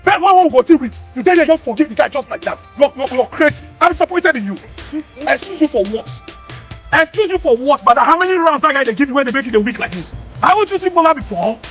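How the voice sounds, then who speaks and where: A furious Nigerian employee tears into his boss in pidgin. His voice rides very high and leaps around as he shouts insults. Faint film music sits underneath. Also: lively intonation, fast. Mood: furious scolding. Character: hot-tempered outspoken male employee, middle-aged.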